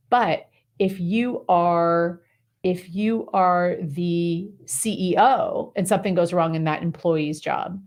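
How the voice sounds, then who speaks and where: A woman guest on an interview show explains her method and tells stories in a lively, breezy way. Her voice sits a little low for a woman. She speaks casually and leans on fillers as she talks. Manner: animated, breezy storyteller using many fillers like "like" and "right". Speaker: clarity coach guest. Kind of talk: interview conversation, giving advice.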